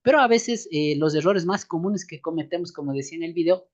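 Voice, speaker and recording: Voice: mid-range voice, expressive, a little fast. Muffled lo-fi seminary instructor. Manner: frequent questioning tag asides to students; addresses listeners as beloved brothers and sisters. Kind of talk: church class lecture on microphone technique.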